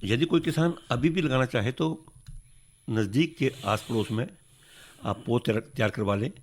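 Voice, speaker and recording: A man's voice: mid-range voice, normal speed, a little hiss or hum. A North Indian man with a mid-range voice gives phone-in advice. He is courteous and instructive, laying out steps and repeating what matters. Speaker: agriculture expert.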